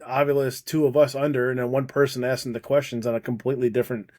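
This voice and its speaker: A man's voice: medium pitch, little pitch movement, fast, warm tone. A man co-hosting a casual podcast chat, talking in loose, rambling bursts with frequent restarts. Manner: rambling, many restarts, laughs easily. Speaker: podcast co-host.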